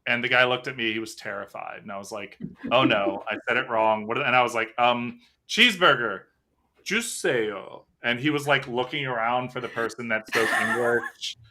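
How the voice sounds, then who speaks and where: A man hosting a casual podcast chat, telling stories in an animated, talkative way. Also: medium pitch, fairly quick. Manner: chatty, animated storyteller. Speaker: podcast host.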